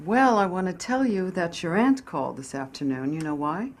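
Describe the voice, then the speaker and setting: A middle-aged mother with a very low voice. She is practical and firm, and her speech is clipped. A faint hiss sits under the dialogue. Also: animated, moderate pace. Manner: clipped, matter-of-fact.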